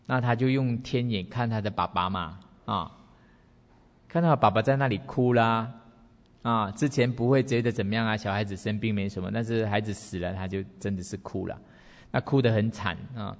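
A man giving a Buddhist dharma talk as a story, relaxed and unhurried, with many sentence-final particles. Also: fairly low pitch. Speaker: Buddhist teacher. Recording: reverberant hall.

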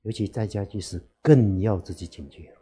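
A man, a Buddhist monk, giving an unhurried dharma talk to lay listeners, often asking rhetorical questions. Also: lowish voice, warm tone, husky.

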